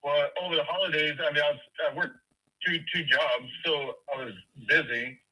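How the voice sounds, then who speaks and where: A man's voice: on the high side, steady tone, normal speed, pushed and bright. A man calling in over a speakerphone, retelling events in a rambling, hesitant way with restarts. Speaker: caller. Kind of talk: phone-in storytelling. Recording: distant tinny speakerphone line.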